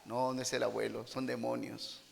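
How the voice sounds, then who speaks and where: A man's voice: mid-range voice, flat delivery, normal speed, vocal fry, in a large hall. A man preaching a sermon as a pastor in a church, acting out the people he quotes and punching his points with boxing-style exclamations. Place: church sanctuary.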